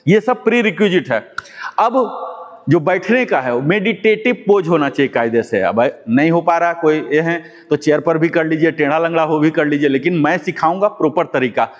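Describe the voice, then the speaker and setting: A man teaching a live yoga class, his slightly high voice ringing with a long echo off the room. He breaks every step down patiently, repeating key words and dropping English terms into his explanations. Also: highs cut off. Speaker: yoga instructor. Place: yoga class with students present. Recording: long echoing room reverb.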